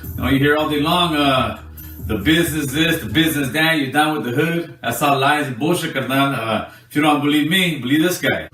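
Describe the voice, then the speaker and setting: A man's voice: fairly high pitch, a little fast, a bit bright. A man, from the Los Angeles area, giving a blunt, preachy vlog talk to his viewers. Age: 40s. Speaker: YouTuber. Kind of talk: direct-to-camera vlog. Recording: roomy, distant clip with faint music.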